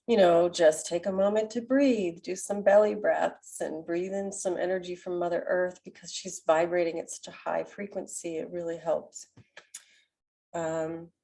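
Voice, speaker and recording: Soft-spoken nasal woman reading oracle cards. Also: fairly low pitch, steady tone, moderate pace, gravelly. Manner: gentle, meandering, with many ums. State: sick with a cold. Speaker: oracle card reader. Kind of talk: spiritual card reading to camera.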